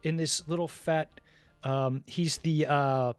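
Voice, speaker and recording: A man co-hosting a casual podcast chat, telling stories with deadpan jokes. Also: a little high, slow, smooth, no room sound. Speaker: podcast co-host.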